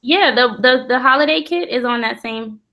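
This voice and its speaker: A woman's voice: high-pitched, normal speed, lo-fi sound. A woman shop owner on a live stream, explaining things in a matter-of-fact way. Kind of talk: casual chat on a live stream.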